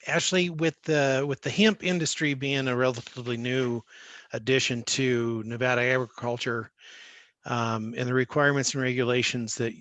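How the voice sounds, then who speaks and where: A board member asking a formal question during a meeting held over a video call. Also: male voice, medium pitch, a bit bright, dry recording. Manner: formal, identifies himself for the record.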